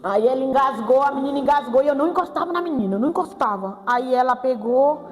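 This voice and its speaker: A woman's voice: high-pitched, fast, soft background music. An older woman giving an emotional church testimony, often repeating her phrases and pleading to God. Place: church hall with music behind. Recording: long reverb of a church hall.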